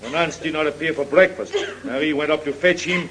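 An actor playing an excitable French innkeeper in an old-time radio drama, speaking broken English with a French accent and a fussy manner. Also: male voice, on the high side, brisk, a little hiss or hum, low-quality recording. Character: excitable French innkeeper, middle-aged man.

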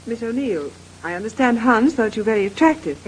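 A woman's voice: on the high side, lively intonation, brisk, slight background noise, natural voice, rough recording. An actress playing a polite young woman detective asking questions in an old-time radio drama. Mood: poised.

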